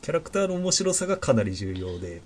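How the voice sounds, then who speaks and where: A man hosts a relaxed podcast conversation. His talk is chatty and casual, sprinkled with fillers as he goes. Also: a little high, fast. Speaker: podcast host. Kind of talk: casual chat.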